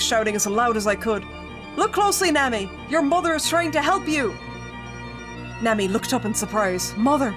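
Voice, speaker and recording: Reading a spooky visual novel aloud over background music, this woman streamer shifts between calm narration and excitable, joking reactions. Her voice sits in the mid range.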